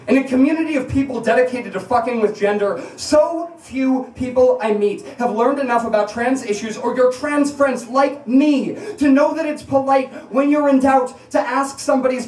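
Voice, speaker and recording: Her voice is a little high and darkish, her pace moderate, as she confronts a live bar crowd with an emphatic spoken-word piece full of rhetorical repetition. The mic sits far off, so the room sounds echoey.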